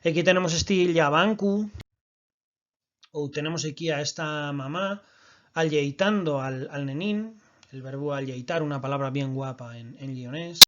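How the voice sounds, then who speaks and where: A man's voice: fairly high pitch, normal speed, lo-fi sound, background noise. Patient male language teacher. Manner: patient explaining, frequent checks with "de acuerdo". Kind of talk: recorded online language lesson.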